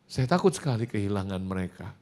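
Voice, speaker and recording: A man's voice: on the low side, big pitch swings, fast talker, a little mellow. A male pastor preaching a sermon in a church, telling a personal story, acting out dialogues and speaking directly to the congregation. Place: church service before a congregation.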